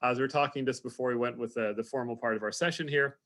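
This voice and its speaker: A man giving a formal introduction for a lecture over a video call, speaking in a measured way with frequent pauses and fillers. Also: mid-range voice, steady tone, fairly bright tone.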